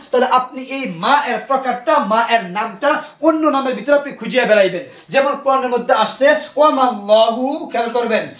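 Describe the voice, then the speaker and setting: A male teacher of Arabic grammar, who asks questions and answers them himself and repeats key terms slowly. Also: very high-pitched, fairly bright tone, roomy sound. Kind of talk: recorded grammar lesson.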